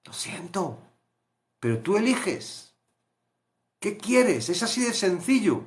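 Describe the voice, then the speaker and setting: A man teaching a live Bible study, fervent, dropping to hushed and rising loud. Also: sits high, very animated, slow pace. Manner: fervent, acts out quotes, swings loud to hushed.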